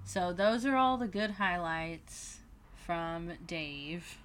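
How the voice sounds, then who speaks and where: A woman hosts a casual fan podcast in a slow, unhurried way, with a slightly low voice. She is chatty and laughs as she retells scenes. A faint hiss of noise sits under her voice. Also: expressive, a bit bright. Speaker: podcast host.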